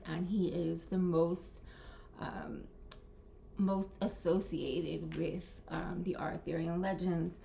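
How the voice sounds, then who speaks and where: A woman's voice: lowish voice, gravelly, darkish tone, slight background noise. A woman giving an informal spoken lesson to camera, hesitant, with many fillers and restarts. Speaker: presenter.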